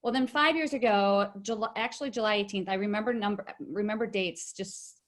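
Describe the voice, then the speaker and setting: A woman's voice: medium pitch, a little fast. A middle-aged woman, a guest in an interview, telling a personal story in a chatty way with many fillers and restarts.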